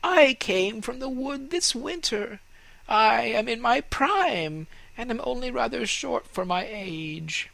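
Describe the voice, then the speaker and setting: A man voicing a proud young male fir tree in a storybook reading, high and dreamy. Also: animated, slow pace, gravelly, sharp tone, no room sound, exaggerated voice. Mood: indignant.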